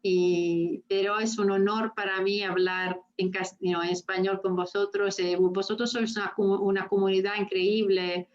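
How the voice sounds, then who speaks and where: A woman's voice: medium pitch, little pitch movement, normal speed, few pauses. A woman with an Italian-influenced foreign accent in Spanish, giving an informal academic talk and often searching for words or mixing languages. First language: Italian, speaking non-native Spanish. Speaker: guest speaker. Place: remote video call. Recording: muffled video call.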